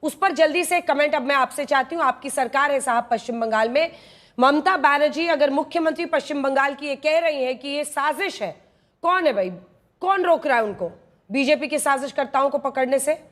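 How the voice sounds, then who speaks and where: A woman news anchor moderating a heated TV debate, pressing a panelist and cutting in with sharp questions. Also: sits high, normal speed.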